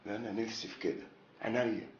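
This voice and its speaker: An actor playing a nervous, fawning informer pleading with the police, with an Egyptian accent. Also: male voice, fairly low pitch, little pitch movement, very fast, a little hiss or hum, natural voice. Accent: Egyptian Arabic. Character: nervous male neighborhood informer. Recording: echoey, dull film audio.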